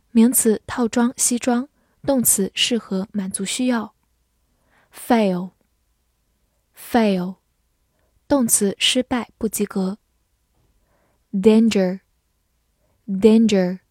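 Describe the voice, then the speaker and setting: A woman narrating a scripted vocabulary lesson, saying each English word twice and then defining it slowly. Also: medium pitch, warm tone, dry recording, studio quality.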